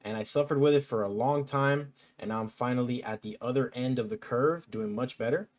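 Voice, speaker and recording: A man's voice: mid-range voice, fairly quick, a little mellow. A man in his twenties talking in a casual, chatty vlog, full of fillers like "like" and "um". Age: 20s. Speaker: vlogger.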